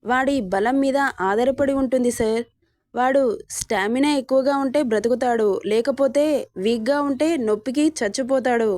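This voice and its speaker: A woman's voice: sits high, normal speed, a little mellow, no room sound, clean studio sound, natural voice. A woman voicing a respectful male assistant who answers his boss plainly in a read-aloud story. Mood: matter-of-fact.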